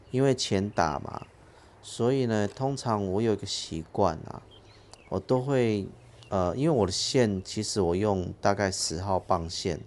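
Outdoors at a harbour, a man who hosts a fishing channel walks through his rig step by step in plain, casual how-to narration. His voice sits low and is a little mellow.

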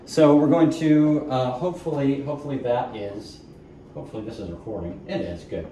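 A home cooking vlogger with a warm, medium-pitched voice talks a little fast, rambling and self-deprecating as he narrates cooking in his small kitchen. A camera mic across the room gives a muffled, echoey sound with frying sizzling faintly behind him.

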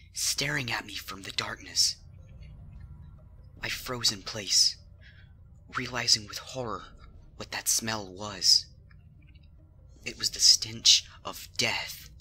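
Over background music, a man reads a scripted horror story with suspenseful, theatrical drama. His voice is fairly low and sharp, and the recording carries a little hiss or hum.

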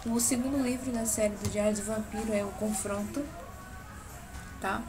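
Her voice has medium pitch, a steady tone and a moderate pace. This young book blogger from Brazil, nasal with a cold, films a casual vlog showing her books from her small bedroom, speaking close to a webcam and regularly adding "tá?" to check in with viewers, with the neighbours' music audible in the background.

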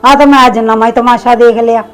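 A woman's voice: a little high, fairly even intonation, quick pace, over music, low-quality recording. A woman with a Punjabi accent, playing a meddling, sarcastic neighbour in a family skit. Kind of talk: scripted family drama acting.

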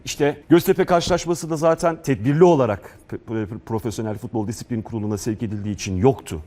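A man presents sports news in a broadcast style. His voice sits at a middling pitch as he reads through press reports and relays them to viewers. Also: quick pace, mellow.

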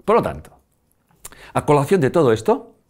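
A man's voice: on the high side, moderate pace. An older man with a Spanish accent giving a live lecture, often checking that the audience follows him. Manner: animated, asks the audience often if they follow.

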